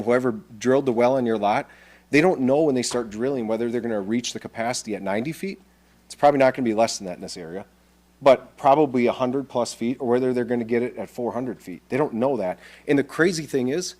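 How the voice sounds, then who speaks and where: A man's voice: mid-range voice, darkish tone. A man presenting a development plan at a town board meeting, explaining plainly and casually, with frequent restarts.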